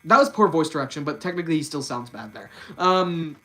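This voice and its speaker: A young man hosting a casual live stream, talking fast and often repeating and restarting his words. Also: a little high, lively intonation, fairly bright tone, rough recording. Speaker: livestream host.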